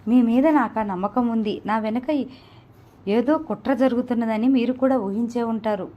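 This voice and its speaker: A woman's voice: on the high side, moderate pace, dull audio, close to an everyday voice. A woman voicing an earnest young heiress who begs a man for protection. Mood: pleading. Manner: earnest, pleading. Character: troubled young heiress pleading for help.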